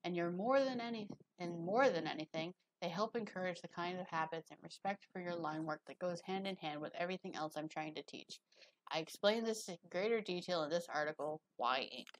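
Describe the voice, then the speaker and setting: A woman's voice: lowish voice, brisk, poor audio. A woman streamer casually reading a drawing lesson aloud, with chatty, rambling asides.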